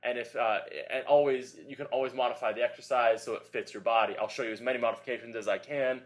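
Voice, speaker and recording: A young man co-hosting a casual fitness podcast. He tells stories in a rambling, animated way, piling up fillers and asides. His voice sits at an ordinary middle pitch. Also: fast. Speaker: podcast co-host and Pilates instructor.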